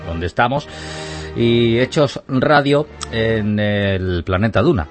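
A man with a fairly low voice and a Spanish accent from Spain hosts a radio show. He chats casually, with music behind him. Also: takes it slowly.

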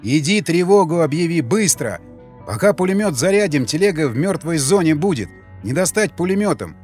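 A man voicing a tough, impatient young male survivor who gives sharp orders. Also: on the high side, sing-song, normal speed, soft background music, voice pushed up. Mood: urgent, brusque. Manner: brusque, commanding.

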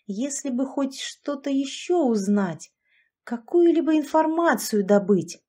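A woman's voice: high voice, expressive, a little slow, warm tone, pitched above the performer's own voice. A woman voicing a brash, outspoken young woman teacher with blunt, exclamatory lines. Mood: puzzled.

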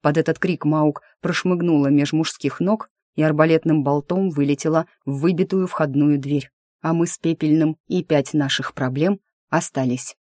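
A woman reading a first-person fantasy audiobook in a lively, wry storytelling manner. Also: low voice, normal speed, no echo, clean studio sound. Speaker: audiobook narrator. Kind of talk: scripted fantasy narration.

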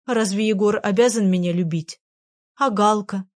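Woman, first-person storybook narration, even delivery, middle pitch. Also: moderate pace. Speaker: audiobook narrator.

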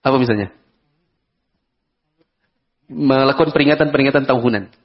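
An Indonesian-accented man leads a religious study lecture in a husky voice. He talks in a conversational way, asking his listeners questions and acting out examples as he goes. The recording sounds dull and lo-fi. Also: medium pitch, normal speed. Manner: conversational, asks the audience questions, acts out examples. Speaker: Islamic lecturer.

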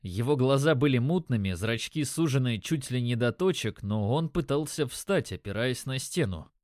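A man narrating a story in a steady, measured audiobook style. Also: mid-range voice, no room sound, studio quality.

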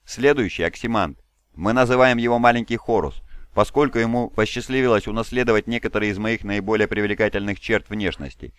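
A man's voice: on the low side, fairly quick, clean tone, dry recording, close to an everyday voice. A man voicing a proud, fatherly giant male warlord who speaks in a solemn, commanding way.

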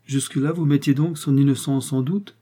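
A man reading aloud gives voice to a troubled young nephew who presses hard with questions. His tone is dark and husky, and he sounds grave and insistent, straight from a spoken storybook. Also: mid-range voice, fairly even intonation, normal speed, voice pushed up, lightly acted. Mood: urgent.

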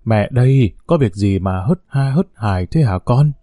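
A man voicing a worried, soft-spoken old grandmother in an audio story. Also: fairly low pitch, animated, moderate pace, dry recording, studio quality, lightly acted. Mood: weary.

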